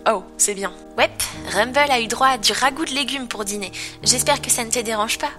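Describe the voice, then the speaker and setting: A kind mother mare from a storybook, friendly and generous, as a woman puts her on. Her voice is fairly high and bright. She speaks in a motherly way. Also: brisk, soft background music.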